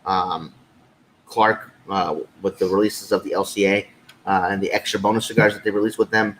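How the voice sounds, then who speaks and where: A man's voice: low-pitched, flat delivery, moderate pace, a bit bright, slight background noise, poor audio. A man co-hosting a podcast in a casual, conversational review style. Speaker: podcast co-host. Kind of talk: casual cigar review chat.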